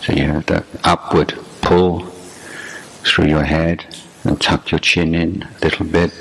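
Guiding a meditation, a Buddhist monk and meditation teacher speaks in an extremely low, gravelly, slightly rough voice. His unscripted dharma instruction comes slowly and deliberately in short phrases separated by long pauses, with very even pitch. The audio quality is poor.

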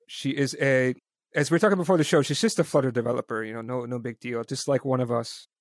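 A man's voice: medium pitch, fairly even intonation, fast, dry recording, studio quality. A man hosting a casual live-stream interview, joking and chatty. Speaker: podcast host.

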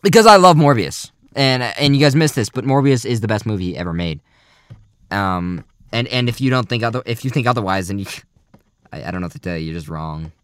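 A young man hosting a casual, goofy podcast chat, talking in a mock-serious, rambling way that often trails off quietly. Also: fairly low pitch, expressive, fairly quick, smooth, no echo. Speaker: podcast host.

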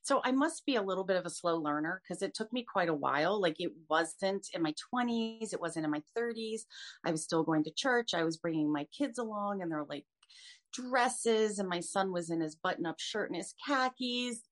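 Woman, fifties, slightly low voice, earnest guest sharing a personal faith story. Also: expressive, moderate pace. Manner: earnest, frequent restarts. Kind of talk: personal testimony in an interview.

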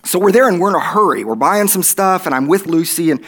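Okie accent guy preaching a sermon, voice kinda on the higher side, chatty, keeps checking in like right? okay?. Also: animated, quick pace, a bit bright. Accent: Oklahoma. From Oklahoma, USA.

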